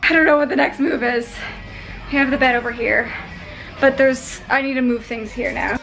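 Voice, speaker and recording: Bubbly young woman vlogging from her bedroom, high voice, chatty, camera mic. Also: fairly even intonation, moderate pace, vocal fry, over music, rough recording. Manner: bubbly, chatty, many "like" fillers. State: out of breath. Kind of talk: casual vlog chat.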